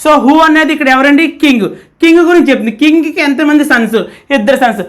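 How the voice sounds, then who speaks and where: A teacher giving a spoken grammar lesson who repeats key points, asks rhetorical questions and dictates example sentences slowly. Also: high-pitched.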